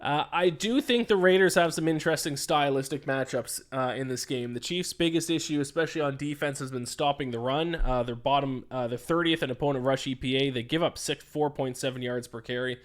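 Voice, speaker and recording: A man's voice: mid-range voice, brisk, few pauses. Tired man rambling through betting picks. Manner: rambling, distracted, frequent "uh" and "um". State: tired, yawning. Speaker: sports betting podcast host. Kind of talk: casual solo podcast commentary.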